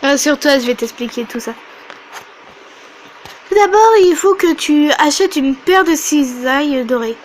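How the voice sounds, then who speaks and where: A woman voicing a calm male guide who explains things patiently, a bit lower than her own voice. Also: a little slow, long pauses, slight background noise, rough recording. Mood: explaining.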